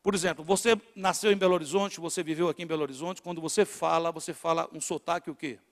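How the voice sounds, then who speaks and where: High-voiced Northeastern Brazilian preacher, middle-aged. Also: male voice, steady tone, quick pace. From Natal, northeastern Brazil. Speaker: pastor. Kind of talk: sermon to a congregation. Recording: long hall reverb in a church.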